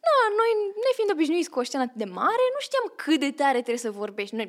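A woman's voice: high-pitched, wildly swooping pitch. A young woman co-hosting a casual podcast, telling stories in a chatty way, laughing often and acting out what others said. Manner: chatty storyteller, laughs often, acts out quotes. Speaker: podcast co-host, theatre troupe member. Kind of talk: casual chat.

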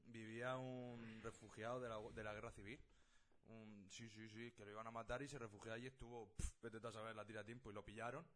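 A man co-hosting a casual podcast, blunt and quick to tease. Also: on the low side, fairly even intonation, a bit bright, a little hiss or hum. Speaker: podcast co-host. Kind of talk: casual chat.

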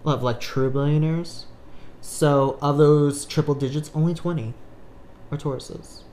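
Podcast host, medium pitch, loose hesitant chatter with lots of restarts. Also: steady tone, unhurried, darkish tone. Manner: hesitant, with frequent restarts and asides. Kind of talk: casual chat.

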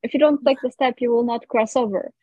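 Speaking briskly at a fairly high pitch, this Portuguese-accented guest from Portugal has a warm tone with a breathy edge and fairly even intonation. She is a missionary casually recounting her own story, captured in roomy, dull lo-fi audio.

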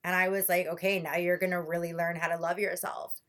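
A woman's voice: lowish voice, flat delivery, brisk, fairly bright tone. A woman in her thirties, a guest speaking candidly in a casual chat, with frequent "like" fillers. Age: 30s. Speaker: interview guest.

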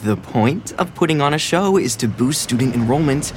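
A man voices a practical adviser in an audio drama. He is gently blunt, and his mid-pitched voice moves lively up and down. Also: moderate pace, slight background noise, natural voice.

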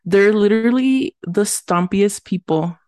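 A woman's voice: mid-range voice, a little slow, dark tone, no room sound. A young woman co-hosting a casual podcast chat, joking and laughing often. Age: young adult. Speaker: podcast co-host.

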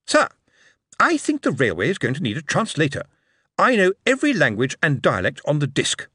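A man's voice: fairly high pitch, wildly swooping pitch, brisk, fairly bright tone, breathy edge, dry recording, pitched above the performer's own voice, exaggerated voice. A self-assured young woman, as a male narrator puts her on, speaking firmly in a raised voice. The delivery is clipped and dry, close to the mic. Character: smart, confident young woman translator.

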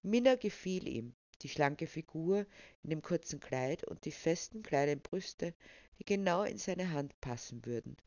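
Measured audiobook narrator, dull dry recording. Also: mid-range voice, no room sound. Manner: even, measured storytelling. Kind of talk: audiobook story reading.

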